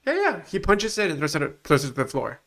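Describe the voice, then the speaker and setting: A man's voice: a little high, expressive, a little fast, creaky, a bit bright. A man co-hosting a casual true-crime podcast, easygoing, telling the case plainly. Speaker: podcast co-host.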